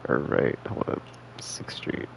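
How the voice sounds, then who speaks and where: Speaking slowly, a man offers laid-back, slangy commentary on a live game stream, rambling as he thinks aloud. The indoor recording has a little hiss or hum, with game music in the background.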